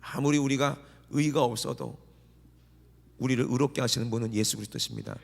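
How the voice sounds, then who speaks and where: Guy preaching a sermon, gravelly voice, goes from murmuring to loud, long church echo. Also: steady tone, a little fast. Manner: preaching with rhetorical questions and calls for amen; swings from low murmurs to loud exclamations. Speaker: pastor.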